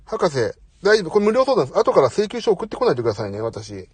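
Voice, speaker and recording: A middle-aged man with a slightly high, husky voice chatting on a live audio stream. His pitch swings widely as he talks, and he keeps apologizing and joking at his own expense. The sound is dry and close, as if spoken into a phone. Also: big pitch swings, quick pace, no room sound. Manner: chatty, apologetic, self-deprecating. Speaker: host. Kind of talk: casual live audio chat. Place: parked outside, away from home.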